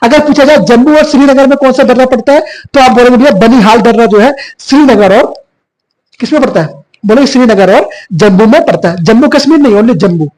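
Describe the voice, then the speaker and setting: A hoarse man, a little husky from a cough, teaches a geography lesson at a whiteboard. He repeats each point and keeps quizzing his students as he goes. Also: extremely high pitch, fairly quick, a little mellow, low-quality recording. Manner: repetitive, quizzing students with filler 'bhaiya'. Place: classroom with whiteboard.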